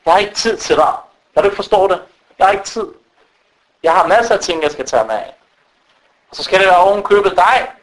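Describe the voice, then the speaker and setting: A man's voice: sits high, lively intonation, long pauses, rough recording. A man playing a busy husband who impatiently brushes off his wife in a sermon example.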